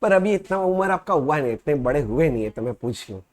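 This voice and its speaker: A man's voice: a little high, lively intonation. A man teaching accounting in a casual classroom lecture, chatting. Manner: conversational, reads questions aloud slowly and loudly.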